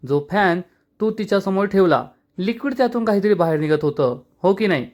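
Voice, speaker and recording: A man voicing a young businessman hero from a TV serial, measured and questioning, calm but firm. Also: sits high.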